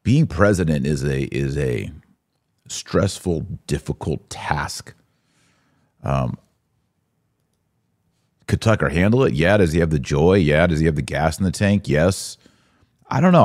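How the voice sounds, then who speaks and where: An extremely low-pitched man hosts a live-stream podcast. He rambles casually in halting phrases, repeating himself and asking rhetorical questions.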